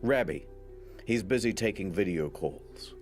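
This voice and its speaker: A man's voice: deep voice, animated, unhurried, faint music behind. A man giving scripted comedic narration for a documentary video, telling the story in a dry, mock-dramatic way.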